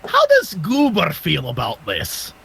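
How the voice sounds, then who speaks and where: Goofy, gravelly-voiced woman player. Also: huge pitch swings, measured pace, noisy background. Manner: goofy, teasing, sudden squeaky jumps. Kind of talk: tabletop game role-play.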